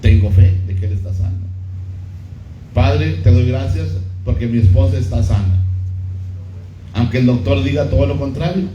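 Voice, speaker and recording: A man's voice: medium pitch, normal speed, pauses often, warm tone, slight background noise. Preaching man in an echoey church. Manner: preaching, repeats key phrases, quizzes the congregation. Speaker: pastor. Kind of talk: sermon. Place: church hall. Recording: muffled echoey church recording.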